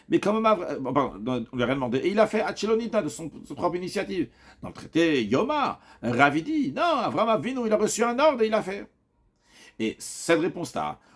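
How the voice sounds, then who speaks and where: Animated male Talmud teacher explaining. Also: a little high, slightly rough. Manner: explanatory, lively rising questions, frequent restarts. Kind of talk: Talmud lesson.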